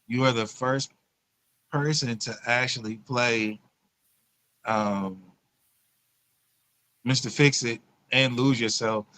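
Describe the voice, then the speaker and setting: Man, singer-songwriter guest, mid pitch, very bright tense tone, agreeable, quick to affirm. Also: fairly even intonation. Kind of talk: casual radio interview chat.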